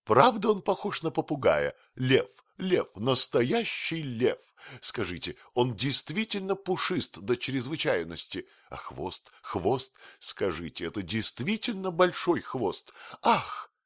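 A man voicing a fussy, excitable, fawning man who gushes in breathless exclamations. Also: low voice, measured pace, hardly any pauses, breathy edge, dry recording, clean studio sound, heavily acted. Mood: gushing.

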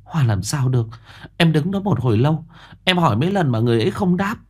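A man voicing a frightened village woman who stammers and rushes her words. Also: a little high, expressive, darkish tone, husky, voice pushed up. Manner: stammering, breathless.

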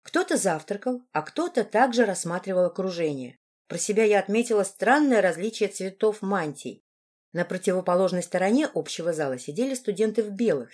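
A woman reading a first-person audiobook in an even, measured way. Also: mid-range voice. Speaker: audiobook narrator.

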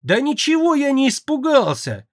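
A man's voice: wildly swooping pitch, moderate pace, no echo, clean studio sound, exaggerated voice. A man voicing a young male air mage who is frightened, tearful and pleading, in an audiobook. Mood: fearful pleading. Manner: pleading, shrill and anxious.

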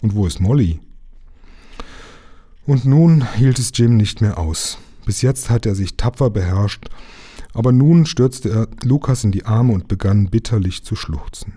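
Man reading a children's story aloud, low-pitched and husky, even storyteller delivery. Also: moderate pace. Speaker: reader.

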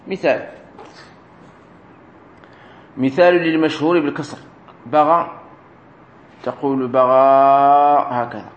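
A man teaching a grammar lesson as a sheikh, explaining slowly, repeating key words and drilling verb forms aloud. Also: mid-range voice, steady tone, dull audio. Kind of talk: recorded classroom lesson. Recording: roomy echo with faint room noise.

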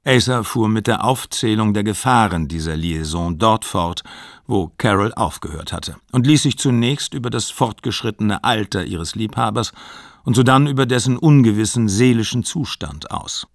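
Low-voiced male reader, literary fiction, dry close sound. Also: animated, normal speed, dry recording. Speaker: audiobook reader. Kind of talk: literary reading.

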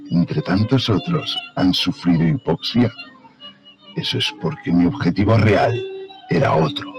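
A man's voice: low-pitched, gravelly, full character voice, rough recording. A man playing a malevolent ancient supernatural king in a horror audio drama, pompous and menacing with mock courtesy, drawing out his words theatrically. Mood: gloating menace. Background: music.

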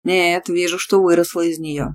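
A woman's voice: fairly low pitch, level tone, normal speed, close to an everyday voice. A woman voicing a brash, muscular young dragon-shifter man who talks bluntly and teases. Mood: calm. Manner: blunt, teasing.

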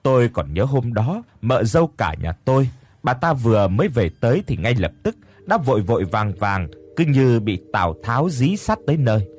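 A man's voice: medium pitch, sing-song, moderate pace, a little mellow, husky. A man narrating a first-person audio story in a bitter, scornful tone.

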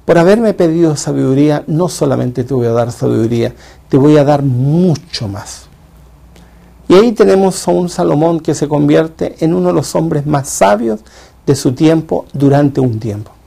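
Gravelly-voiced man preaching a story. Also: fairly high pitch, mellow. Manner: storytelling, acts out dialogue in a father-and-son tale.

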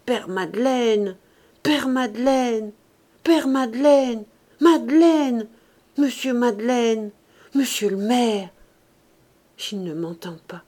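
A despairing old rustic man, voiced by a woman reader, his words coming loud and raised above her usual tone. He rambles to himself in old country speech, all agitation and grief. It is an audiobook storybook reading. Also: mid-range voice, unhurried, lightly acted. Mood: frantic. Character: old male gardener, frantic and despairing.

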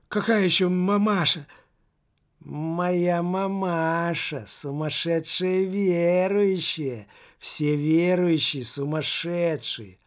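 A man voicing a frightened teenage boy who talks slowly and strangely, in an audiobook reading. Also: a little high.

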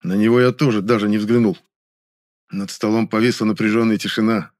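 A man reading a first-person audiobook in a measured, even storytelling manner. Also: on the low side. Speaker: audiobook narrator.

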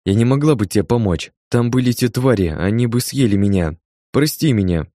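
A man voicing a shrill, hysterical middle-aged woman, the owner of a dog, in an audiobook. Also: animated, fairly quick, dark tone, no room sound, studio quality, close to an everyday voice. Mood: pleading. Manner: shrill, screeching. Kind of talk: audiobook character voice.

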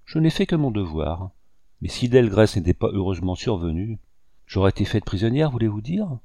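A man reading the lines of a proud, composed young creole woman in an audiobook, in a soft, even manner. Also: on the low side, fairly quick, no room sound.

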